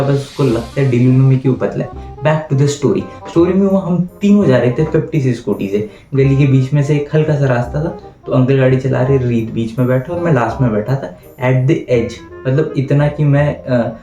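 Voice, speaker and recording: Chatty young man telling a story. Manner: chatty, mixes in English phrases, grows animated and higher at the tense moments. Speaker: storytelling vlogger. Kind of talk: casual storytime monologue. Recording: roomy, slightly dull, with faint guitar music.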